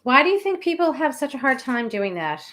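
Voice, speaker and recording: A woman's voice: high voice, big pitch swings, a little fast, a bit bright. A woman co-hosting a live show as a meditation facilitator, chatting casually.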